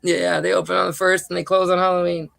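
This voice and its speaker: A woman's voice: fairly low pitch, flat delivery, quick pace, creaky, a bit bright, no room sound. A woman chatting casually and bluntly on a livestream from home, rambling between topics. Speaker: livestream co-host. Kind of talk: casual chat.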